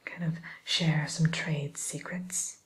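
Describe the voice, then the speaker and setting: A wicked witch, played by a woman speaks mostly in whispers, in a slightly low voice. She is vain and sly yet sweetly courteous, musing in hushed, hesitant phrases as she tutors in an unhurried ASMR roleplay. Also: steady tone, rough recording. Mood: chatty, genteel.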